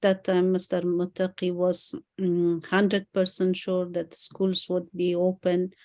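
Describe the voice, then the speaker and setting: Female panel guest. Unhurried, flat-pitched delivery with hesitant pauses while recounting events. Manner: hesitant, frequent pauses in non-native English. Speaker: panel guest from civil society.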